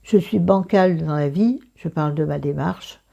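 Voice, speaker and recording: A woman with a croaky morning voice and vocal fry, chatting casually through a book review in a self-mocking, digressive way, thinking aloud. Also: low-pitched, moderate pace, dark tone, dull audio.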